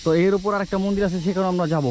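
Fast-talking young man vlogging outdoors. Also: high-pitched, level tone, darkish tone. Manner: chatty, addresses viewers as guys, mixes English words. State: out of breath from climbing. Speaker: travel vlogger. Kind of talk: casual travel vlog narration. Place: outdoors on a hill trail and beach. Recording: faint outdoor noise.

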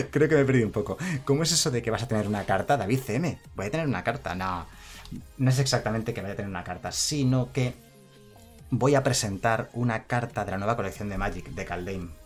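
A man's voice: fairly low pitch, expressive, brisk, soft background music. A man streaming a card game, chatting casually, reading chat aloud and laughing often. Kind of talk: casual live-stream commentary.

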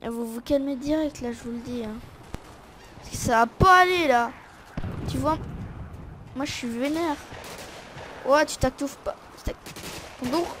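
A woman's voice: high voice, fairly even intonation, moderate pace, pauses often, slight background noise. A woman giving casual gameplay commentary, playfully taunting and trash-talking her opponents. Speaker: gamer. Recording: loud gunfire from the game under the voice. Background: game gunfire and ambience.

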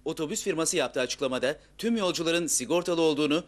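An actor playing a formal TV news anchor. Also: male voice, on the high side, quick pace, lightly acted. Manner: even, formal reading. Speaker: TV newsreader.

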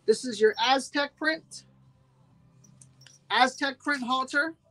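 A woman's voice: high voice, slow, fairly bright tone, slight background noise, poor audio. A woman hosting a live-streamed sale, chatting with viewers and repeating every price twice. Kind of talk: live-streamed sales pitch.

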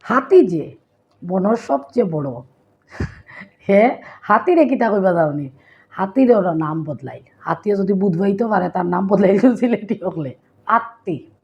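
A woman with a Sylheti accent chats in a relaxed vlog, now and then putting questions straight to her viewers. Her voice sits at an ordinary middle pitch. The sound is a little dull and lo-fi. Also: measured pace, pauses often. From Sylhet, Bangladesh. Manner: chatty, asks the viewer questions. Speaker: vlogger. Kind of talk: casual vlog chat.

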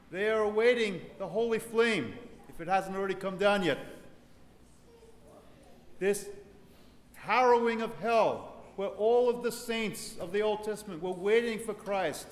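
A man in his thirties, a priest, giving an earnest sermon in a large church, unhurried, building to joyful emphasis. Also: high voice. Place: large ornate church with congregation. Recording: echoey church hall, reverb, faint ambience.

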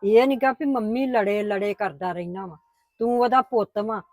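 A woman playing a patient grandmother who calmly coaxes and placates her family. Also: medium pitch, moderate pace, dry recording, clean studio sound, natural voice. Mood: gentle. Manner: coaxing, placating. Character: patient grandmother, soothing mother-in-law. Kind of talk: family drama acting.

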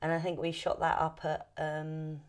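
A woman in her thirties, an actor being interviewed, talking casually with many hesitant pauses. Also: low-pitched, completely flat delivery.

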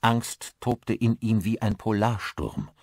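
Husky, slow male thriller narrator. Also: on the low side, a little mellow, dry recording, studio quality. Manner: dramatic, suspenseful storytelling. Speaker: audiobook narrator. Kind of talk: scripted narration.

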